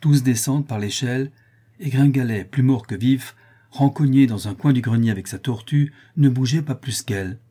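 Man, audiobook narration, expressive storytelling, husky, dark tone. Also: mid-range voice, moderate pace.

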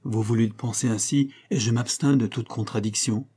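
Stern old-fashioned tutor, read by a man, formal and measured, with a mellow, husky voice. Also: mid-range voice, steady tone, lightly acted. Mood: dry. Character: stern former tutor, grave, reserved man.

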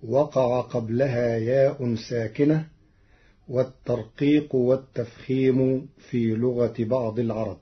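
A man with a husky, slightly breathy voice speaks in slow, deliberate phrases, explaining readings in a measured scholarly tone. The sound is dull and muffled like an old radio broadcast. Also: medium pitch. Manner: deliberate, quotes verses in a slow intoned voice. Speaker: presenter explaining recitation variants.

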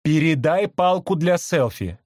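A man voicing a captive parrot in an audiobook, repeating phrases in a slow, clipped, parroting way. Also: fairly high pitch, expressive, a little mellow, dry recording, clean studio sound, voice pushed up. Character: captive parrot, male, blunt mimic.

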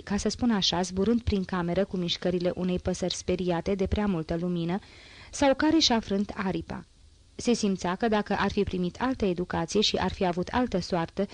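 A woman's voice: mid-range voice, dry recording. Woman reading a novel aloud, dry sound. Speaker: audiobook narrator. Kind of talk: literary audiobook narration.

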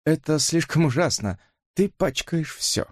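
A man reading an audiobook, voicing a shy, earnest young woman who speaks quietly. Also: on the high side, lively intonation, unhurried, no echo, clean studio sound, pitched above the performer's own voice. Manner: soft-spoken.

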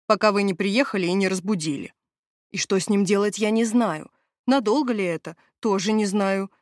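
A woman's voice: mid-range voice, moderate pace, no echo, studio quality, close to an everyday voice. A woman reading the part of a grumbling, evasive male castle steward in an audiobook. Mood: complaining. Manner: whining, evasive, haggling.

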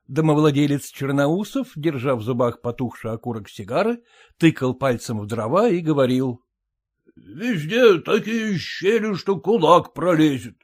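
Expressive male audiobook narrator. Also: mid-range voice, dry recording, studio quality. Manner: expressive storytelling. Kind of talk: audiobook reading of a classic story.

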